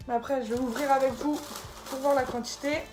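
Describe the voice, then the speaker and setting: A woman's voice: high-pitched, steady tone, a little fast, a little mellow, soft background music. A woman chatting casually through an unboxing video, tripping over product names as she shows them. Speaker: beauty vlogger. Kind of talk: casual unboxing haul vlog.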